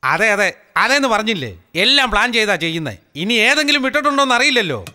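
A man's voice: extremely high pitch, very animated, quick pace, sharp tone, in a large hall, heavily acted. An actor dubbing a blustering, bossy male politician in a film scene. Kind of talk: dubbed film acting.

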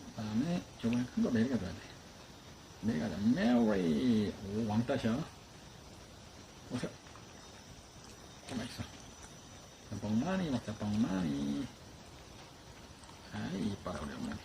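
A man with a gravelly, creaky voice coos at his dogs in affectionate baby talk, his pitch bouncing widely up and down. Steady background noise is clearly heard under the recording. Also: takes it slowly, long pauses. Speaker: dog owner vlogger. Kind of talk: casual talk to pets.

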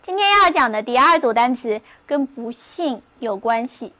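A woman teaching English vocabulary in a recorded lesson, spelling words out slowly and drilling read-after-me practice. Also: a little high, expressive, pushed and bright. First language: Chinese.

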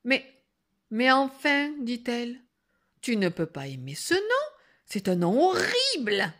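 A woman's voice: medium pitch, big pitch swings, measured pace, darkish tone. A woman reading a storybook aloud, voicing a rude, bratty little girl who talks brashly. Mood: baffled. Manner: brash, insulting.

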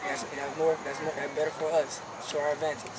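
A man's voice: fairly high pitch, completely flat delivery, fast, a loud crowd. A teenage boy, a football player explaining plays in a postgame interview outdoors. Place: outdoor football field at night. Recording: distant mic with outdoor noise.

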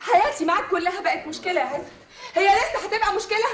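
An actress with an Egyptian accent playing a neglected, resentful wife who complains reproachfully in a stage comedy. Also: female voice, extremely high pitch, very fast, echoey room.

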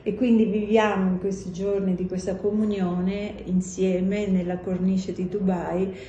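A middle-aged woman, a company president, speaking in a recorded video message with a measured, unhurried delivery and some hesitations. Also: medium pitch, flat delivery, mellow, lo-fi sound. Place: indoor office or room. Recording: echoey room, faint background noise.

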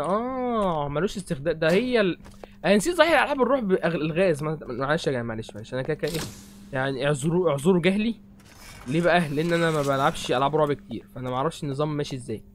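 A man's voice: a little high, expressive, very fast. A young Egyptian man hosting a horror game playthrough, rambling and joking nervously. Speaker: gaming host.

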